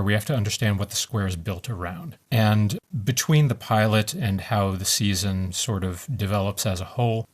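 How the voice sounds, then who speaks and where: Male podcast co-host with a fairly low voice, measured and explanatory. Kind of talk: explaining screenwriting, reading script scenes.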